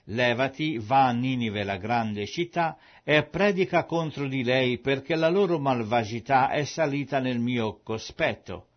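A man's voice: mid-range voice, unhurried, few pauses, natural voice. A man reading God's solemn command. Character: God commanding, solemn male divine voice. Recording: dull lo-fi recording.

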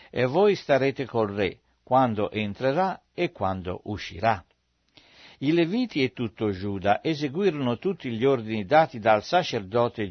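A man reading aloud from the Bible in a measured, steady way. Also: lowish voice, dry recording. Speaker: Bible reader. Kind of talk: scripture reading. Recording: dry, slightly dull recording.

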